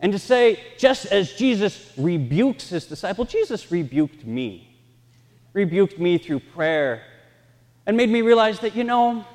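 A man preaching a sermon, telling lively, self-mocking stories from the pulpit, his voice ringing with a cathedral-like echo in a large church. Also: sits high, measured pace. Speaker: pastor. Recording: long reverb in a church hall.

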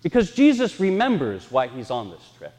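A man preaching a sermon, telling lively, self-mocking stories from the pulpit, his voice ringing with a cathedral-like echo in a large church. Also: fairly high pitch, normal speed. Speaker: pastor. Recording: long reverb in a church hall.

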